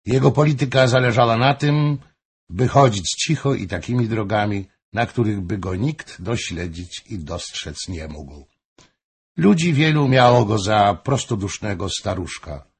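A male audiobook narrator reads a historical novel in a measured, unhurried way. His voice sits low and is very husky and breathy, with an even storytelling delivery.

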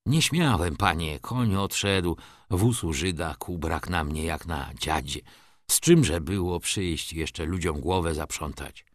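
A man's voice: low voice, slow pace, no echo, clean studio sound, pitched below the performer's own voice. A man voicing a poor, humble old carter who speaks deferentially and wearily in a storybook reading. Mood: timid. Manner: humble, pleading, respectful address.

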